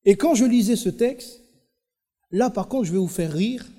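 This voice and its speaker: A male pastor with a French Caribbean accent preaching to his congregation. He tells the story emphatically, speaking right to the listeners. His voice is high for a man and rings out with a long hall reverb. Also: animated, normal speed, warm tone. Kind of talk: sermon.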